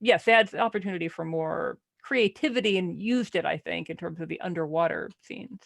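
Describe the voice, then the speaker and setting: A podcast panelist chats casually about a book, questioning it with animated disbelief and often restarting sentences. The voice is medium-pitched, gravelly and a little fast, with no echo.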